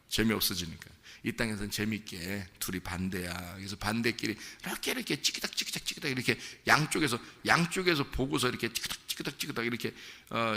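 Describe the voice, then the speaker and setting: A male pastor preaching a sermon, playful and animated, putting questions to the congregation. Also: fairly low pitch. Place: church sanctuary. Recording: church hall reverb.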